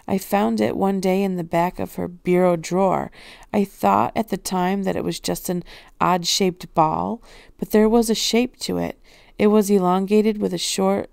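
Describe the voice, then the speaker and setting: A woman's voice: lowish voice, vocal fry, a little mellow, clean tone, no room sound, studio quality. A woman voicing a frightened teenage girl who presses her questions eagerly, in a storybook reading.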